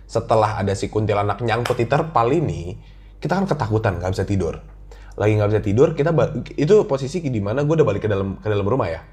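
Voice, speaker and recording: A man's voice: lowish voice, fast talker. A young man with a Jakarta accent, animatedly telling a childhood ghost story in a casual podcast chat. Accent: Jakarta slang. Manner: animated storytelling, acts out his own childhood voice. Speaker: guest storyteller.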